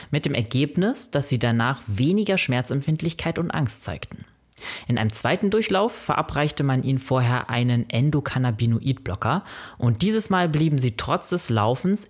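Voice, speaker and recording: A man talks straight to the viewer in a scripted explainer, laying out numbered tips in a friendly, informative manner. His voice has a slightly husky grain and sits at an ordinary middle pitch. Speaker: running vlogger.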